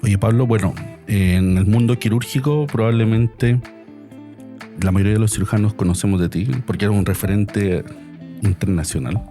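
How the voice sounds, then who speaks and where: A man hosting a podcast, talking in a relaxed, friendly way. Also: lowish voice, normal speed, soft background music. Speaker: podcast host, surgeon. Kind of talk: casual interview chat.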